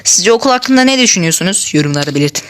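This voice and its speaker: A woman running a gaming channel gives chatty, excitable commentary on her gameplay, often laughing and speaking directly to her viewers. Her voice is mid-range and she talks very fast.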